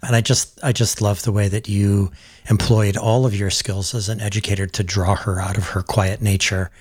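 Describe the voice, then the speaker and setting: A man hosting a podcast interview, asking long questions and explaining ideas in a measured way. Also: lowish voice, level tone, a little mellow, husky, no echo, clean studio sound. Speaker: podcast host.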